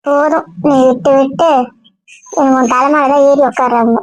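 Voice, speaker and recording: A woman's voice: high voice, steady tone, normal speed, no echo, highs cut off, lightly acted. A woman voicing a blunt, protective young friend who scolds in a stream of rhetorical questions. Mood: scolding. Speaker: outspoken friend. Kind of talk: Tamil audio drama acting.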